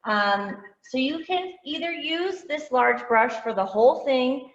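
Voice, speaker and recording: A woman guides her painting class step by step over a video call. Her voice sits a little high and she chats along with plenty of "um"s and small jokes at her own expense. The audio is roomy and dull, like a studio heard over a call. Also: lively intonation, unhurried. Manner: chatty, with frequent "um" fillers and gentle self-teasing. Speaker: painting instructor. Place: art studio.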